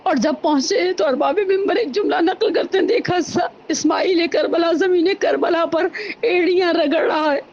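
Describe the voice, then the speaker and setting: A woman's voice: very high-pitched, a little mellow, highs cut off. A woman orator giving an impassioned mourning sermon at a women's gathering, reciting in a lamenting voice that rises to anguished cries. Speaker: zakira (religious mourning orator).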